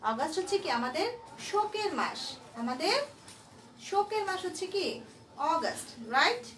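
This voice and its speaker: High-pitched woman teaching English. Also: animated, normal speed, a bit bright, recorded from a distance. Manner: mixes Bengali and English, asks rhetorical check questions. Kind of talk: classroom lesson for children. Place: classroom or room at a board. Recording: roomy echo, voice from off-mic, faint noise.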